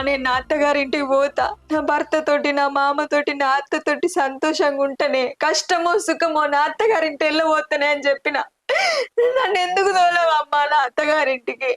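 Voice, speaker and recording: A woman's voice: high voice, fairly bright tone, no room sound. A woman playing a grief-stricken young married daughter, crying and pleading with her mother in a Telangana Telugu accent. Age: young adult. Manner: sobbing, pleading, reproachful.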